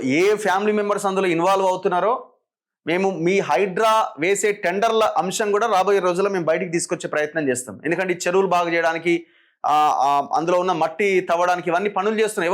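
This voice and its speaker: A man with a Telangana Telugu accent giving opinionated political commentary, firing sarcastic rhetorical questions. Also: high-pitched.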